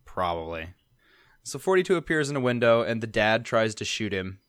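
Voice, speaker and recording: A man's voice: lowish voice, sing-song, normal speed, clear, resonant tone, no echo, clean studio sound. A man co-hosting a podcast, recapping an episode in casual chat with hesitant fillers. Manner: recaps plot with hesitant fillers and quoted lines. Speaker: podcast co-host recapping an anime.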